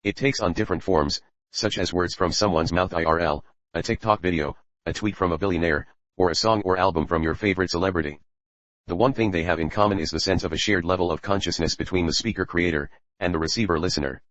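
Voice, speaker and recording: A man with his voice disguised and pitched down deep, reading a scripted anonymous statement in a measured, deliberate way. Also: fairly bright tone, dry recording. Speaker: anonymous speaker. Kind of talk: scripted first-person statement. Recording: dull lo-fi, dry.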